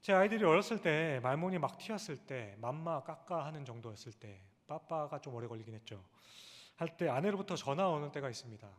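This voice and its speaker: A middle-aged male pastor preaching at a Friday prayer service, earnest, rising to loud calls and dropping to hushed low lines. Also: lively intonation, fairly quick. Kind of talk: sermon. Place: church sanctuary. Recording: long church-hall reverb.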